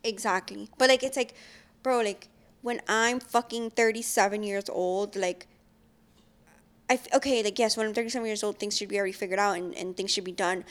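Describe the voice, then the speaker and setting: A young mom in her twenties chats casually with a friend, filling her speech with fillers and laughing easily. Her mid-range voice holds a steady tone and moves a little fast.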